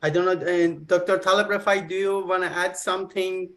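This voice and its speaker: A man's voice: high voice, level tone, fairly quick, a bit bright. Polite male moderator on a call. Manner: polite, brief handoffs. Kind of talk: moderating an online forum. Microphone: video call.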